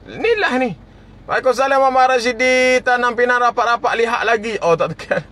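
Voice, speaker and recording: A man's voice: extremely high pitch, brisk, sharp tone. A man hosting a casual live stream, greeting viewers by name and chuckling often.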